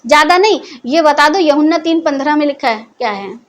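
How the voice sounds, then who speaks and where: Woman Bible teacher, high voice, conversational, fires off questions and answers them herself, scolding edge. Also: expressive, a little fast. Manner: keeps posing questions to listeners, then answers them. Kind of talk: Hindi Bible teaching talk.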